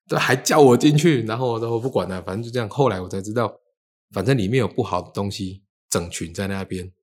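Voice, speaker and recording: A man's voice: fairly low pitch, fast. A man, a feng shui teacher telling stories in casual chat and acting out the quoted dialogue. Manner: animated, acts out quoted dialogue.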